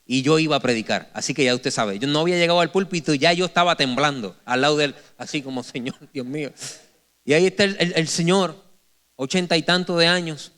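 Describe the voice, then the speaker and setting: A man in his forties preaches from the pulpit with a high-pitched voice. He tells stories with animation and jokes with his congregation. He often breaks off and restarts his phrases as he talks. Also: fast talker, smooth. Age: 40s. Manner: animated, joking storyteller addressing the congregation; frequent self-corrections and restarts. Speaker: pastor. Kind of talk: sermon. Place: church sanctuary before a congregation.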